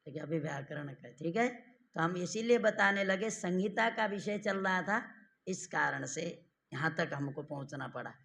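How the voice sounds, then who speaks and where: A man teaching Sanskrit grammar in a lecture, quizzing his listeners with questions and repeating each definition slowly. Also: on the high side, expressive, vocal fry, bright, forceful tone, a little hiss or hum. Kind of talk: classroom lecture.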